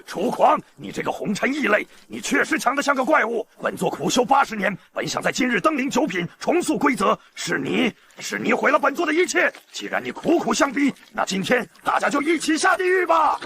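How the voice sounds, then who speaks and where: A man's voice: expressive, brisk, creaky, few pauses, full character voice. An actor playing an arrogant old male sect master who turns into a demon, speaking in a haughty, theatrical way. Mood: bitter. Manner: booming, haughty, theatrical shouting.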